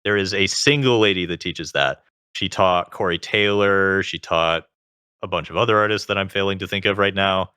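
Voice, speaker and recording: Very deep, bright man's voice with vocal fry. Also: moderate pace, no echo. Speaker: interview guest, self-taught singer. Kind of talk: conversational explanation.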